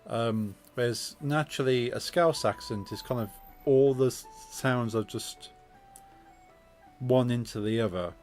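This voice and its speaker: A man with a Midlands English accent, chatting casually as a game streamer and speaking with deliberately clear, precise diction. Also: mid-range voice, darkish tone, soft background music. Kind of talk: casual chat while gaming.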